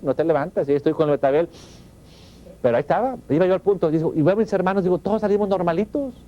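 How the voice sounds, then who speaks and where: Mexican male lecturer, middle-aged, dark mellow tone, emphatic, asks rhetorical questions. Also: fairly high pitch. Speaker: professor giving a talk. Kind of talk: motivational talk on family values. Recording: dull lo-fi recording.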